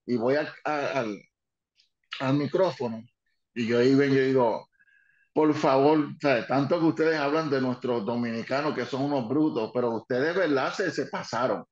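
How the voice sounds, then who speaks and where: An older man, a former wrestling manager telling lively stories and slipping English phrases into his talk. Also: mid-range voice, moderate pace. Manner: lively, mixes in English phrases, many restarts. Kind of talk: animated anecdote telling. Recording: dull, roomy recording.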